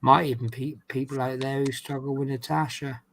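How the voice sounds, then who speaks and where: Gravelly Norfolk man chatting casually. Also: mid-range voice, steady tone, fairly quick, a bit bright. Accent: Norfolk English. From East Anglia, England. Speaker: livestream host doing a hobby build. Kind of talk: casual chat while working at a hobby.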